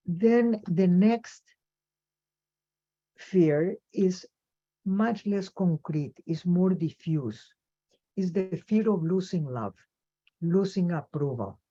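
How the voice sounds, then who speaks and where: A woman psychologist giving a webinar lecture, speaking in a measured, thoughtful way with pauses and fillers. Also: low voice, dark tone. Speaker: child psychologist presenter. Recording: dull lo-fi webinar audio.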